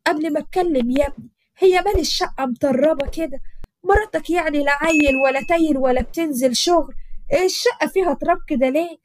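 A woman's voice: sits high, quick pace, background noise, close to an everyday voice. A woman with an Egyptian accent voicing an older, complaining mother-in-law in a spoken story. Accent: Egyptian Arabic. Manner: complaining, self-pitying.

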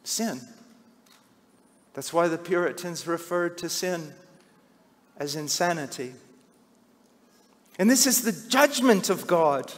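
A middle-aged man preaching a sermon, swinging from hushed, slow passages to loud, shouted cries. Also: on the high side, animated. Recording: long hall reverb.

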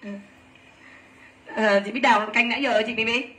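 A woman selling clothes on a livestream, talking rapidly and gushing over each piece while teasing her helpers. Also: fairly high pitch, fairly even intonation, fairly bright tone. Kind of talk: live sales pitch.

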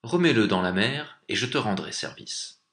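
A man's voice: fairly low pitch, animated, moderate pace, fairly bright tone. A man voicing a big, fatherly fish in a fairy tale who asks for mercy and offers help. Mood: pleading. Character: big fatherly fish, pleading then helpful.

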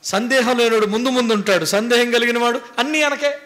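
A man's voice: very high voice, steady tone, fast, a bit bright. A man preaching a sermon as pastor, emphatic and repetitive in his delivery.

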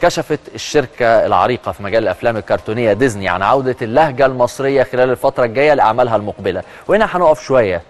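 A man's voice: medium pitch, expressive, rapid-fire, hardly any pauses. A man with an Egyptian accent presenting a social media news segment, chatty and emphatic as he comments on the stories. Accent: Egyptian Arabic. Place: TV studio.

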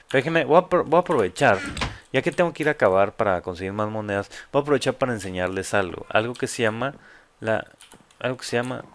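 A man's voice: mid-range voice, fairly bright tone, smooth. Slangy Mexican gamer guy. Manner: casual, slangy, crude and joking. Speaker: gamer host. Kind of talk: let's play commentary.

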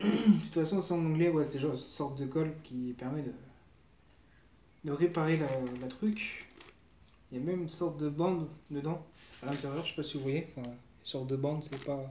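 A young vlogger gives casual unboxing commentary in a hesitant, rambling way, stopping often to hunt for the right word. The room sounds roomy and echoey. Steady background noise and crinkling packaging sit clearly behind the voice. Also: mid-range voice, normal speed. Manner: hesitant, rambling, searching for words.

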